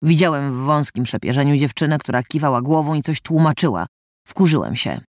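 A man narrating a first-person audiobook in an expressive, dramatic reading style, recorded on a close studio mic. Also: fairly high pitch, brisk, no echo.

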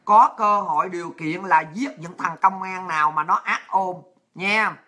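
Southern vietnamese woman on a livestream, crude and ranty, very sharp bright tone. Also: fairly low pitch, unhurried. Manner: ranting, crude and abrasive. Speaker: livestream host. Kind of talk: angry livestream rant, reading viewer messages.

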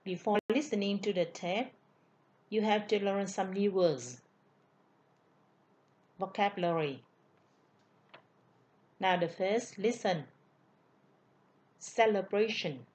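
Vietnamese lady teacher, says each english word twice real slow, online class vibe. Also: medium pitch, darkish tone. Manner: slow, careful model pronunciation, repeating each word. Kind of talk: online vocabulary lesson.

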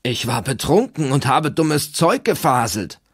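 A man's voice: mid-range voice, sing-song, a little slow, husky, no room sound, clean studio sound, pitched above the performer's own voice, full character voice. A man reading aloud, voicing a young Norse charcoal burner who protests sheepishly. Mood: protesting.

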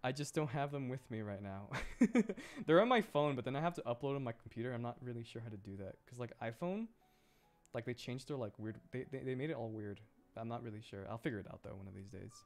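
Talking at a quick pace in an animated, mid-range voice, a young man chats playfully while streaming a game. His talk rambles, and he laughs frequently.

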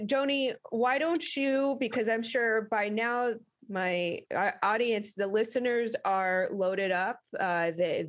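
A woman podcast host talking casually about faith and giving. She winds through her points with many fillers and restarts. Her voice sits at a middling pitch for a woman. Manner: meandering, many fillers, explanatory. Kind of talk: casual faith-based talk.

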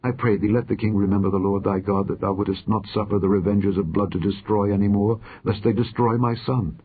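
A man reading aloud puts on a higher voice for a grieving widow who pleads before a king. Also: steady tone, brisk, close to an everyday voice. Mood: pleading. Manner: raised pitch, earnest pleading. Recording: muffled phone-like audio.

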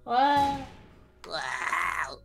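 A woman in a casual gaming chat, calling out loudly, her voice echoing as if in a cavern. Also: fairly low pitch, sing-song, drawn-out words, creaky, music in the background. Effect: cave-like echo when she gets loud. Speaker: gamer chatting with a co-player.

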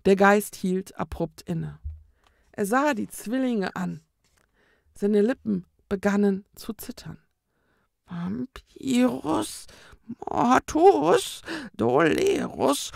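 Brief: woman reading a children's story, slow and gravelly, close dry mic. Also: mid-range voice, no echo. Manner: calm, measured storytelling. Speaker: storybook reader. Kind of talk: reading a children's book aloud.

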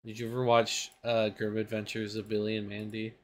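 A man's voice: fairly low pitch, monotone, brisk. A man chatting casually with a friend while gaming, full of joking, swearing banter. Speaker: gamer friend.

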